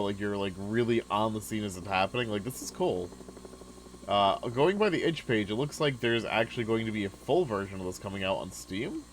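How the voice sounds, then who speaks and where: A young man casually commenting on a game he is playing, relaxed and chatty, with many filler words. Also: lowish voice, slight background noise, low-quality recording. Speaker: gaming video host. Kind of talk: casual let's-play commentary.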